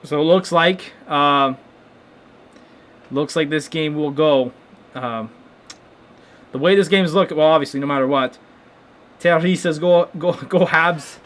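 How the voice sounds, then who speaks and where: Excitable young man reacting to hockey. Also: a little high, unhurried, pauses often. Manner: excitable, stunned reactions, many restarts. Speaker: host of a live hockey watchalong. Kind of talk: casual live game commentary.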